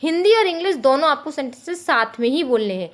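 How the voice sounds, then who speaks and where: A woman's voice: sits high, expressive, quick pace, fairly bright tone. A woman giving a friendly, explanatory home tutorial for parents, acting out little phrases said to a child. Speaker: parenting teacher. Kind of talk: informal Hindi tutorial.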